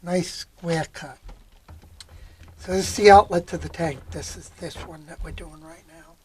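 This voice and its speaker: A vlogger inside a small camping trailer giving a casual hands-on how-to, haltingly thinking aloud while working. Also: medium pitch, fairly even intonation, a little mellow. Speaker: vlogger, DIY host. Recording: background noise, room ambience.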